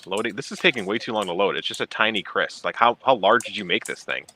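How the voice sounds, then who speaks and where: A man's voice: lowish voice, fast talker, sharp tone. A man hosting a casual stream, joking and talking through what he does on his computer. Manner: jokey, narrates his own clicks. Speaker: streamer hosting a 3D printing chat. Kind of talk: casual chat while working on a computer.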